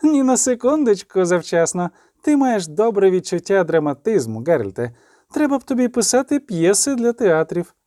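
Audiobook: male reader doing a showy, chatty poet, lifted high. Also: big pitch swings, moderate pace, dark tone, no room sound, studio quality. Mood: theatrical. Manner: theatrical, exclaiming.

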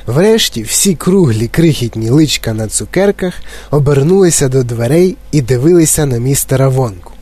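A man narrating a children's audiobook in an expressive storytelling manner. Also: mid-range voice, normal speed.

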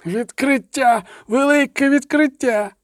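A man voicing an excitable, fussy male scholar who exclaims in shrill, drawn-out bursts. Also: no echo, studio quality. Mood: ecstatic.

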